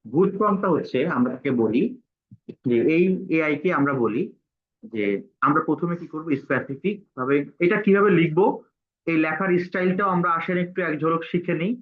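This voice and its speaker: A man, teaching a tutorial and dictating word by word as he types. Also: a little high. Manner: halting, dictates word by word while typing. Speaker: instructor. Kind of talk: screen-recorded tutorial. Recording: tinny phone-like sound.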